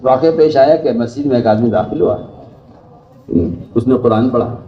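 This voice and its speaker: Emphatic male preacher in a dull distant recording. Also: mid-range voice. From India. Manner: emphatic, repeats phrases, rises sharply for stress. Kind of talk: sermon. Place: large mosque hall.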